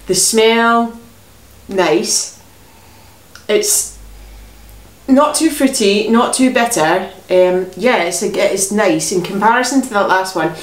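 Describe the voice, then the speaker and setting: A woman reviewing craft beer in casual chat, relaxed and hesitant with frequent ums. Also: mid-range voice, takes it slowly, pauses often. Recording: echoey room.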